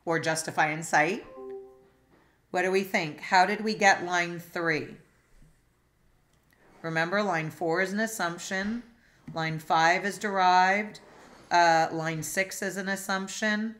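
A woman with a fairly low voice talks slowly through a logic class over a video call. She keeps asking her students questions, with frequent fillers and restarts. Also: steady tone, a bit bright. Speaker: philosophy instructor. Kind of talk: online class lecture.

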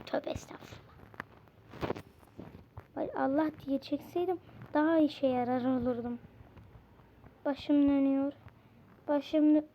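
A young woman chatting casually while playing a game with a friend. She repeats words in quick bursts and yelps when startled. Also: high-pitched, a little mellow, slight background noise, poor audio. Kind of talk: casual game-play chat.

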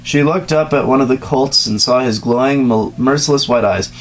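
Sitting on a couch in a small, dimly lit room, a young reader performs a story dramatically but informally at medium pitch and a moderate pace. He trips over words and pauses for offhand comments, and the noisy home recording carries a hum.

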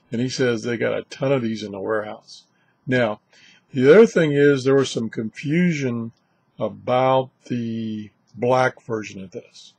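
Speaking from a cramped, cluttered radio room, an older video host rambles casually through an unscripted shortwave radio review. His voice sits at medium pitch, creaky and darkish with a breathy edge, and there's no echo.

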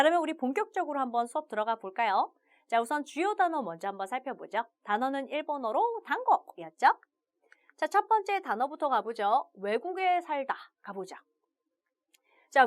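Upbeat lady teacher doing a video lesson, high voice that jumps around a lot. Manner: upbeat, starts phrases with "자". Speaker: Japanese language teacher.

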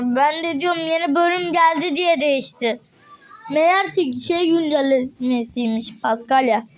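A teenage girl giving casual, excitable gameplay commentary, chatting to viewers and getting easily frustrated. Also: high voice, poor audio. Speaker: gaming video creator. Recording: music playing behind the voice.

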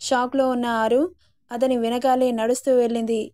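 A woman narrating a serialized romance story in a steady reading voice. Her pitch is high and her tone mellow and dark rather than bright. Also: normal speed.

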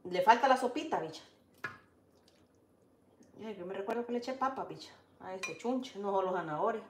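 Clattering dishes echo around the kitchen as a Salvadoran woman hosts a laid-back cooking show, her mid-range voice moving at a moderate pace with slight background noise. She chats, teases, and announces her food the way a street vendor would.

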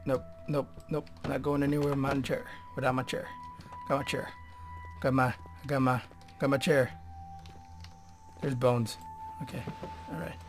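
A man's voice: mid-range voice, little pitch movement, unhurried, pauses often, faint music behind. Jumpy, nervous man gaming. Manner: jumpy and nervous, swears, drops to whispers. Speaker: gamer playing a horror game. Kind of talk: let's play commentary. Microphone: desk microphone.

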